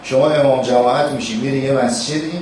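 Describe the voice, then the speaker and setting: A man's voice: medium pitch, darkish tone, a little hiss or hum. A man teaching seminary students, admonishing and emphatic, raising his voice to stress points. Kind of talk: classroom sermon. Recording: echoey hall from far off.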